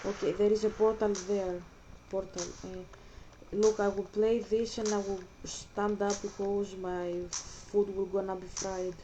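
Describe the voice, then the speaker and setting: A gaming vlogger whose native language is Greek talks through her gameplay in accented English, her mid-range voice a little slow. Her casual commentary is blunt and swear-heavy, full of animated rants, on a low-quality recording with a little hiss or hum.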